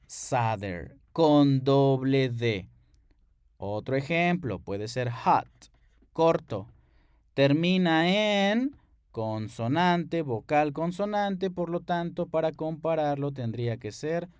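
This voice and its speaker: A man's voice: a little high, a little mellow, no echo, studio quality. A man teaching an English grammar lesson at a board, patient, explaining rules step by step and checking in with his students.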